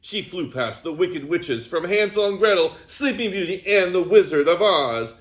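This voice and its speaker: A man with a high voice reads a picture book to young children at a moderate pace. He hosts the read-aloud as a lively storyteller, talking with the kids between pages.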